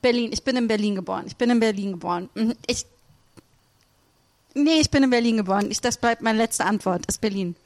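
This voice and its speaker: A flustered author stalls through an exam on her own book, as a woman plays her in a joking role-play. Her fairly high voice repeats answers and fills gaps with hesitant pauses. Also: a little mellow, lightly acted. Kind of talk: improvised comic role-play.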